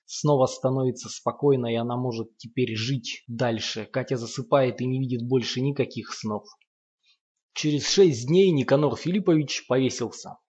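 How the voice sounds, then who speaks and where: A man narrating a horror novel in a grim, steady storytelling manner, in a muffled lo-fi recording. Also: mid-range voice, breathy edge. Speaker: audiobook narrator.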